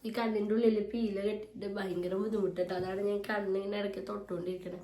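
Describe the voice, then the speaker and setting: Hoarse woman vlogger, chatty, roomy echo. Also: medium pitch, level tone, fast talker, warm tone. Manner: chatty, rambling, asks for agreement. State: hoarse, losing her voice. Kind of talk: casual home vlog chat. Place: family home, indoors. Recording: roomy echoey indoor sound.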